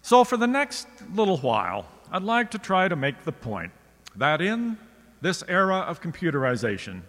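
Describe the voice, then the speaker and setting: A man's voice: a little high, huge pitch swings, moderate pace, fairly bright tone, big-room sound. A man, a writer, giving a scripted radio lecture in a wry, literary storytelling manner.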